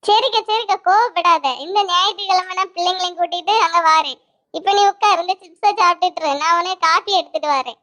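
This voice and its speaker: A voice actor playing a bossy middle-aged mother with a Kanyakumari accent who scolds and teases her family in a cartoon. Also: very high-pitched. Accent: Kanyakumari Tamil. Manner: sharp, scolding, quick comebacks.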